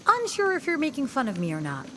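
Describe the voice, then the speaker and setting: An actress playing an excitable young woman who loves pop culture and gushes with enthusiasm. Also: sits high, fast, slight background noise. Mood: excited. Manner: gushing, enthusiastic. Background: game music.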